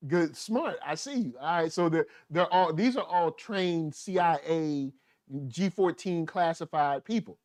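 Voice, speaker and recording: A man hosting a casual TV review chat, animated and laughing, often acting out the characters' lines. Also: on the high side, unhurried, no echo. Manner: animated, laughing, acts out quotes. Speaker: podcast host.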